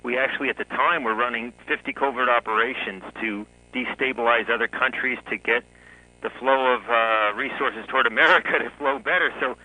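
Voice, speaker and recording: A man in his forties, a guest author, telling his life story in a relaxed interview, often chuckling. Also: medium pitch, brisk, low-quality recording. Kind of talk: conversational interview.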